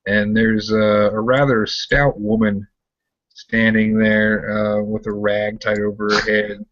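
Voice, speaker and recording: Slow, hesitant game master man. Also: on the low side, little pitch movement, a bit bright, dull audio, slight background noise. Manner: slow, hesitant, many fillers. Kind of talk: narrating a tabletop game.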